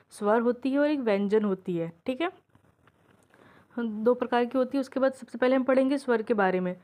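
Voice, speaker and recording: Casting: female teacher, fairly high voice, patient step-by-step exam-prep explainer who keeps checking understanding. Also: warm tone. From India. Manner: drawn-out example sounds, each said slowly. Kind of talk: exam-prep grammar lesson.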